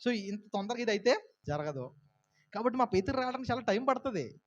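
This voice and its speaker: High-voiced animated male preacher. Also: fast talker, highs cut off, slight background noise. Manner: animated storyteller, shifting to soft earnest prayer. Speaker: pastor. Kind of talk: sermon with closing prayer.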